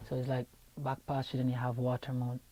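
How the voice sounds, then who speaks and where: A young Jamaican singer is interviewed at a radio station studio, chatting in a relaxed way full of fillers and repeated words into a lapel mic. His medium-pitched voice is monotone, a little fast and dark in tone, and the audio is dry and poor.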